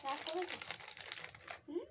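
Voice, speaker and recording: A woman's voice: very high voice, unhurried, noisy background. A woman talking sing-song baby talk to her pet, coaxing it and repeating her words. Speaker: pet owner filming her pet.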